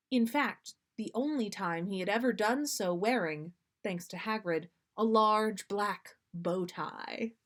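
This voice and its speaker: On a livestream, a woman podcast host reads fan fiction aloud with a mid-range voice, sounding amused and telling the story expressively.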